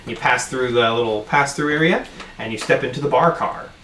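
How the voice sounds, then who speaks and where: A game master narrating a tabletop game in a relaxed, halting way, with plenty of fillers. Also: medium pitch. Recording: echoey room, mic at a distance, faint noise.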